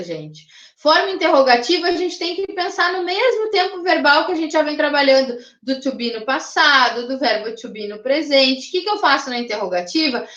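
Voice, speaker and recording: A woman's voice: high voice, a bit bright, roomy sound, dull audio. A woman teaching an English grammar class in Portuguese, with a Brazilian Portuguese accent, explaining patiently and checking in often with her students. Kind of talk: online class lecture.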